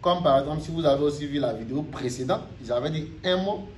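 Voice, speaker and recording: A man's voice: a little high, fast talker, distant mic. A man giving a casual video lesson as a Mandarin teacher, chatty and checking in with "ok?" after nearly every point. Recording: faint background noise, a bit off-mic.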